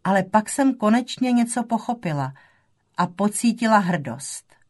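A woman's voice: medium pitch, animated, darkish tone, natural voice. A woman voicing a wry, proud mother who speaks earnestly to her grown daughter in an audiobook.

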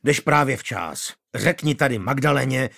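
A man's voice: medium pitch, expressive, creaky, a bit bright. A man voicing a blustering middle-aged town official who pleads for help. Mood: pleading. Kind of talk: audiobook character voice.

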